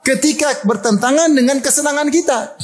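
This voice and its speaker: A middle-aged man giving a lively sermon, joking and laughing often. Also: very high voice, brisk. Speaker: Islamic preacher.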